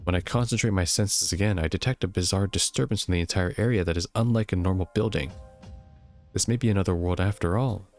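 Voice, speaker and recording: A young man with a low, deep voice reads a game's story text aloud at a steady pace. He occasionally trips over words and jokes about it, with faint game music in the background. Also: quick pace. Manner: steady reading, jokes about own slips. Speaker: gameplay narrator.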